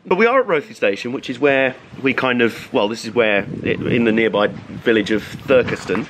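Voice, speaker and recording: Standing outdoors at a railway station in the rain, a man hosts a casual travel vlog, chatty and upbeat and laughing often. He has a mid-range voice with lively intonation at normal speed, and the outdoor recording is noisy.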